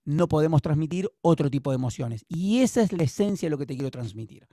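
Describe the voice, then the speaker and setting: A man's voice: on the high side, animated, quick pace, mellow, no room sound, studio quality. A man teaching drums in an online class, explaining patiently and encouragingly with a Rioplatense Spanish accent over a video call. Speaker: drum teacher.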